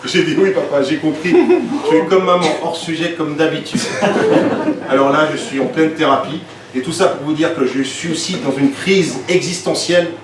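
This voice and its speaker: A man in his forties from Switzerland doing a lively stand-up comedy set, firing quick asides at the crowd. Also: a little high. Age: 40s. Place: comedy club stage. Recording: echoey club room, mic far, noisy.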